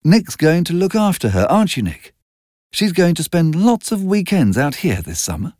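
A man's voice: fairly high pitch, sing-song, moderate pace, a little mellow, dry recording, studio quality, voice pushed up. A man voicing a restless, cynical young wealthy woman with a breathless, mocking manner in an audiobook reading. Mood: teasing. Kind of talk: audiobook character voice.

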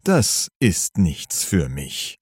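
A man voicing a bored, restless teenage schoolboy in a read-aloud story, speaking slowly and carefully. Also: low-pitched, wildly swooping pitch, darkish tone, breathy edge, no room sound, clean studio sound, heavily acted.

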